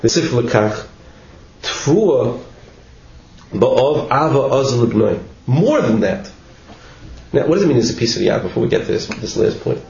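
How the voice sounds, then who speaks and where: A man's voice: medium pitch, animated, normal speed, vocal fry, a little mellow. A man teaching a text study class, reading passages and explaining them in an informal way, often asking "right?". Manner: informal, repeats words, asks "right?" often. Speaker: teacher giving a Torah class. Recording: echoey room, dull lo-fi with faint noise.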